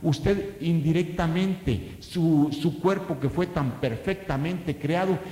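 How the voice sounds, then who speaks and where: A man preaches with fiery swings in loudness and pitch, his voice sitting a little high. The church hall around him is echoey, and a long reverb trails each phrase. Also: slow pace. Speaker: pastor. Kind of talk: sermon.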